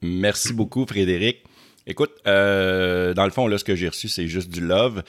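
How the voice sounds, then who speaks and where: A man's voice: deep voice, normal speed. A man from Quebec with a Québécois accent, hosting casually and stammering as he repeats words. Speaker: YouTube host. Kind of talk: casual chat.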